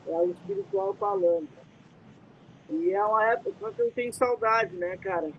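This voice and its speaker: A man's voice: moderate pace, vocal fry. A Brazilian man hosting a casual live stream from a dim room, talking in a rambling way with many fillers. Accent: Brazilian Portuguese. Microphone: computer mic, headset removed. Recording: muffled lo-fi audio with faint rumble.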